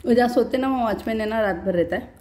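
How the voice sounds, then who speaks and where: A woman's voice: a little high, mellow. A middle-aged woman vlogger talking casually to her viewers, telling a story between bites and calling them "beta". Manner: pauses while chewing.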